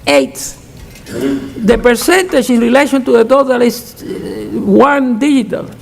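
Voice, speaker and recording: An older male economist on an academic conference panel answers audience questions in a conference hall with long reverb. His raspy, gravelly voice is very high with big pitch swings, unhurried, emphatic, and frank, and he repeats words when restarting. A little hiss or hum is audible.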